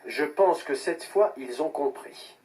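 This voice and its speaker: A calm, sly young warrior hero. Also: male voice, fairly high pitch, slow pace, far from the mic. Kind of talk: audio drama acting.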